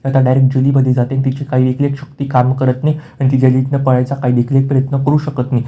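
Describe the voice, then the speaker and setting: A man's voice: mid-range voice, monotone, quick pace, dull audio. A man narrating a recap of an upcoming serial episode, repeatedly addressing the viewers with the same filler phrases.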